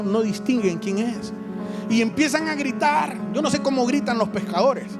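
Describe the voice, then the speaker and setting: A man with a Honduran accent preaching a lively sermon, acting out voices and joking with the congregation. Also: high voice. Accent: Honduran Spanish. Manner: animated storytelling, acts out voices and jokes. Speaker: pastor. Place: church hall.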